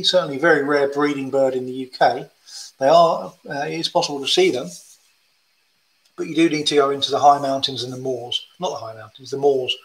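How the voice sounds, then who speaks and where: A tired man chattily showing his children's books, with fillers and gentle rhyme readings. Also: mid-range voice, slight background noise, rough recording. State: tired, yawning. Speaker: children's book author. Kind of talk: casual book presentation with rhyme readings.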